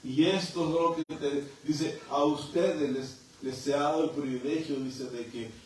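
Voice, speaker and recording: A man's voice: on the high side, steady tone, measured pace, a little mellow. Middle-aged male preacher, fervent sermon, roomy echoing church sound with faint background noise. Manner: fervent, addresses listeners as brother. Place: church hall. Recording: echoey hall from far off, faint noise.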